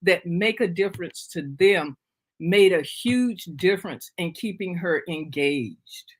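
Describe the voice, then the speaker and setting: A woman in her fifties, a family caregiver, presenting a workshop in a relaxed, conversational way. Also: fairly low pitch, a little slow. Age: 50s. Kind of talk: presentation talk.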